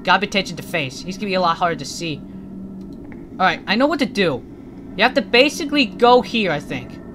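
A gaming channel host giving rambling, excitable let's-play commentary, full of fillers and restarts. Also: mid-range voice, fast talker, noisy background.

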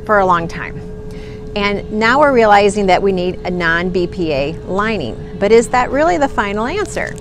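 Earnest woman giving tips, music behind. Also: mid-range voice. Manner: earnest, encouraging, gestures while talking. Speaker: nutrition video host. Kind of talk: casual to-camera nutrition tip. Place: grocery store aisle, indoors.

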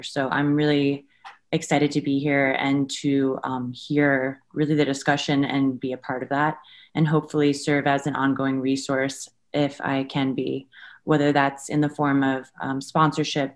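A young woman introducing herself as a panelist on a video call from home in a relaxed way, hedging with fillers. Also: a bass voice. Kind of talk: casual self-introduction. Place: indoors at home.

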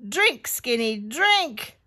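A woman's voice: a little high, sing-song, extremely slow, sharp tone, voice pushed up, heavily acted. A woman reading aloud, voicing a pompous male goat inventor who proclaims his lines.

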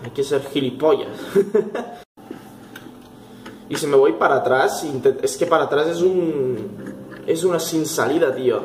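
A man's voice: a little high, expressive, a little slow, long pauses. A young man with a Spain Spanish accent giving jokey let's play commentary on a horror game, swearing and easily startled. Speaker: gaming youtuber. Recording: echoey room with faint noise.

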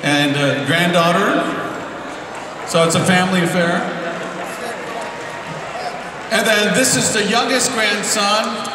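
Man interpreting in a booming hall. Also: fairly even intonation, takes it slowly, long pauses. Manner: casual, with "okay" and fillers. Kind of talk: live stage interpreting. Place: large convention hall on stage. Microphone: handheld mic. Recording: echoey hall from far off, crowd noise.

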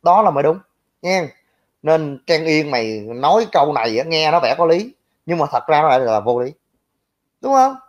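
A young livestream commentator with a Southern Vietnamese accent rants back at viewer comments, brash, crude and mocking toward his critics. His voice runs on the high side with big pitch swings at a moderate pace. The audio is lo-fi and dull.

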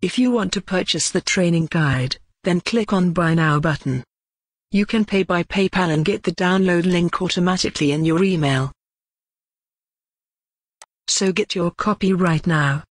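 A woman narrating a scripted promotional voice-over for a training manual, reading out a list of selling points in a steady pitch. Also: normal speed, dry recording.

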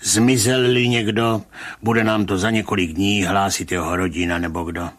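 A man reading a story aloud, voicing a gruff, weary police commissioner who speaks dryly and calmly. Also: close to an everyday voice. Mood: dismissive. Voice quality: grumbling, dry, low. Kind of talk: audiobook reading of a short story.

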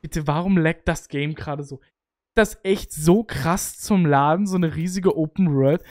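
Excitable let's play commentator. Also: mid-range voice, a little slow, no room sound. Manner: excitable, exclaiming, complaining aloud. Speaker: gaming video creator.

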